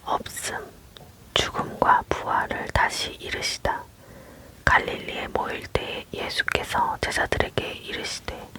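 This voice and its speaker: Someone leaning in whispering bible verses asmr style, right up on the mic, all whisper. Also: extremely high pitch. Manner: leaning in to whisper, close and unvoiced throughout. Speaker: Bible reader. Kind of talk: whispered ASMR scripture reading.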